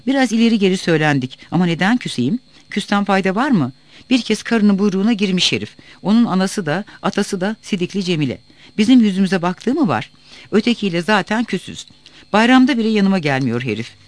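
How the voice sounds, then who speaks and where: A man voicing an outspoken village woman who grumbles briskly about her family. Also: high voice, animated, dry recording, voice pushed up. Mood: grumbling.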